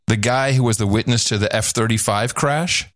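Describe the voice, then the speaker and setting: A man's voice: mid-range voice, normal speed, a bit bright, a little hiss or hum. A man hosting a podcast in casual chat, jokey and laughing often, with rambling questions. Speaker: podcast host.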